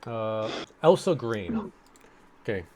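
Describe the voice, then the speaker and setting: Hesitant low-voiced male game master. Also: big pitch swings, takes it slowly, dark tone. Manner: hesitant, many fillers and restarts. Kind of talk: narrating a tabletop game.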